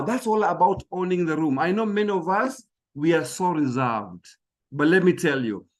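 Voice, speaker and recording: Delivering a pep talk on public speaking, this man has a high voice and an emphatic style. He drives hard on the important phrases, often tripping on little words without stopping.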